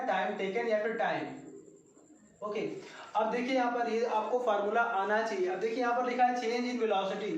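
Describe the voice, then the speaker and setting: A man's voice: high voice, muffled recording. Male teacher in a very echoey room. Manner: repetitive, step-by-step explaining, addresses students directly. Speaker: physics teacher. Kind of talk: classroom lecture at a board. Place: classroom at a coaching centre. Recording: very echoey room, mic far off.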